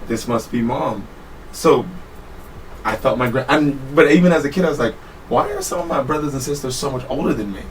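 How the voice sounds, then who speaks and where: A man in his thirties, born in Trinidad and Tobago, telling his life story as a guest in a studio interview, relaxed and laughing easily. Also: medium pitch, fairly quick. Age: 30s. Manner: relaxed, laughs often, self-correcting. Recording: distant mic with faint room noise.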